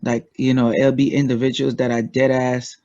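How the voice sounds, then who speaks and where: A man's voice: mid-range voice, level tone, moderate pace, warm tone, dull audio. A man with a Trinidadian accent, a guest talking bluntly and casually, swearing freely. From United States. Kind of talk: casual interview talk.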